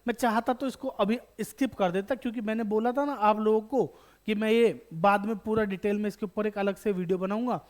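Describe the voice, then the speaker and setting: Guy teaching accounts to exam kids, kinda high voice, keeps quizzing them then answering himself. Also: fairly even intonation, brisk. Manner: asks students questions and answers them himself, repeats key terms; calls students beta, bachche, addresses viewers directly. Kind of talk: online exam-prep lesson.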